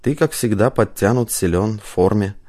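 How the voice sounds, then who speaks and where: A man's voice: lowish voice, moderate pace, mellow, lightly acted. A man voicing a chatty young woman in an audiobook, speaking in a gushing, admiring way. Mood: cheerful.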